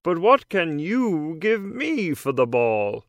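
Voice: mid-range voice, very animated, slow pace, no echo, pitched above the performer's own voice. A storyteller voicing a small, ugly frog who pleads earnestly. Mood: pleading.

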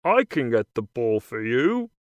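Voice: medium pitch, very animated, measured pace, dry recording, dull audio. A storyteller voicing a small, ugly frog who pleads earnestly. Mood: pleading.

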